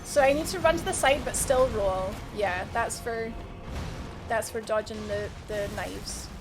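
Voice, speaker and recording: A woman with an Edinburgh Scottish accent streams video games, chatting with viewers and thinking aloud in casual, informal commentary. Her voice is a little high and a little slow, with music playing behind it.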